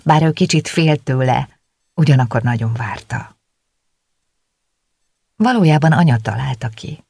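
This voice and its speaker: Audiobook narrator: steady, gravelly, dry studio sound. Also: medium pitch, long pauses, no echo. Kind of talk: scripted narration. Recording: dry close recording.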